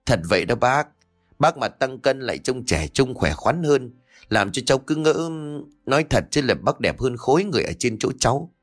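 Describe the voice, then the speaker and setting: A man voicing a cheeky young man, pleading and flattering in a quick, whiny way. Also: medium pitch, faint music behind.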